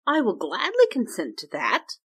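A woman voicing a haughty young princess who speaks in a high, demanding way in a fairy-tale reading. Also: wildly swooping pitch, normal speed, slightly rough, heavily acted.

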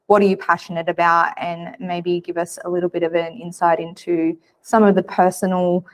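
Woman host, lowish pitch, enthusiastic. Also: flat delivery, moderate pace. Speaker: podcast host. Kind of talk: casual interview.

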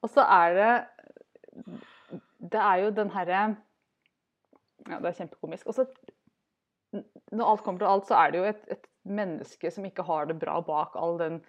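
A woman's voice: lowish voice, long pauses, highs cut off. Woman, podcast co-host, casual chat, reflective, thinking aloud.

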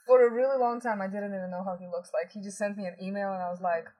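A woman's voice: medium pitch, steady tone, rapid-fire, dark tone, low-quality recording. A woman from Russia with a Russian accent, a recording and mixing engineer, chatting casually in an interview and laughing easily.

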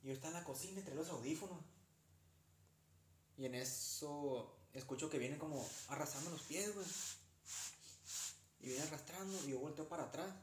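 Young Mexican man, podcast co-host, animated slangy storyteller; higher voice, echoey room, faint noise. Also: brisk, pauses often. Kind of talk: casual storytelling chat. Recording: roomy, faint background noise.

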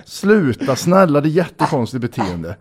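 A man's voice: medium pitch, sing-song, slightly rough. A man co-hosting a casual comedy podcast, bantering and joking with his friend. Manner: joking banter, sings snatches of a song. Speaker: podcast co-host.

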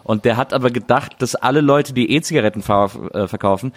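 A man's voice: medium pitch, fast talker, no room sound. A man co-hosting a podcast, casually joking and spinning absurd ideas. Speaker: podcast co-host. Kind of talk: casual comedic banter.

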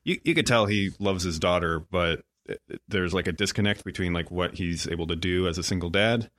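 A man with a very low voice reflects out loud on a podcast, pausing and restarting as he works his thoughts through. The recording is dry, with no echo. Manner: thoughtful, hesitant phrasing. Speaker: podcast co-host. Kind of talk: casual chat.

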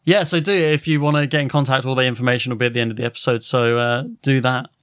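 A man's voice: medium pitch, fairly even intonation, fast, a bit bright, clear, resonant tone, no echo, clean studio sound. A man hosting a podcast, chatting in an easygoing, reassuring way with a guest. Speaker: podcast host. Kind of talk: casual podcast chat.

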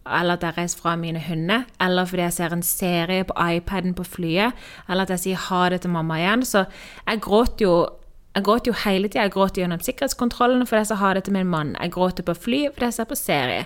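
A woman from Norway co-hosting a podcast, telling personal stories in a candid, animated way. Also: lowish voice. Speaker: podcast co-host. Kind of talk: casual podcast conversation.

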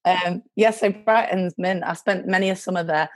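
Young woman, British accent, slightly low voice, casual chat, podcast guest, dry sound. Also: fairly even intonation, normal speed, no room sound. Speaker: charity worker, podcast guest.

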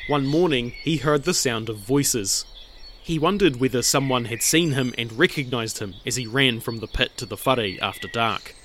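A man telling an old legend in measured, expressive storybook narration. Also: mid-range voice, slight background noise.

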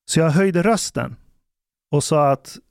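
A man recounts a story to his co-hosts in loose podcast chat. His voice is smooth and sits fairly high, and he keeps slipping into the voices of the people he quotes. The sound is dry and close. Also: no room sound. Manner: animated storyteller acting out quotes. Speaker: podcast host.

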